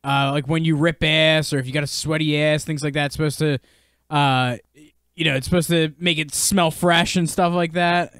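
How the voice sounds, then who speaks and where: A man's voice: fairly high pitch, steady tone, normal speed, fairly bright tone, clear, resonant tone, no echo, studio quality. A man co-hosting a podcast, rambling in crude casual banter with lots of fillers. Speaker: podcast co-host.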